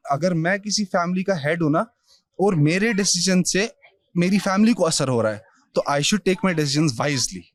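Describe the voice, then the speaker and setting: A man discussing thoughtfully, measured, mixing English phrases into his Hindi. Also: high-pitched, animated, no room sound. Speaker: interview guest. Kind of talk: conversational discussion.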